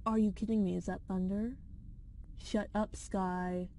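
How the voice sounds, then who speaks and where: A woman's voice: medium pitch, flat delivery, measured pace, warm tone, a little hiss or hum. Texan woman grumbling through script outtakes. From Texas. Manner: stumbling, self-mocking, grumbling. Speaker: fan video narrator. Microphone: headset mic.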